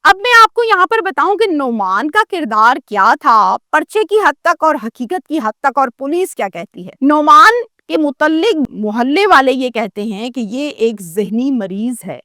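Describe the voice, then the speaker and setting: A woman's voice: high voice, very animated, hardly any pauses, bright, forceful tone, dry recording, clean studio sound. A woman presenting a crime news story in a dramatic storytelling way, acting out the quoted lines.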